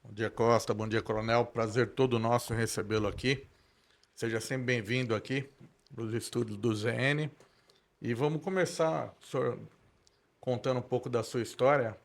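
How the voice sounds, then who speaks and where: A man's voice: medium pitch, fairly even intonation, moderate pace. A man co-hosting a podcast, greeting the guest politely and leading the first question. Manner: polite, welcoming. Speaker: podcast co-host.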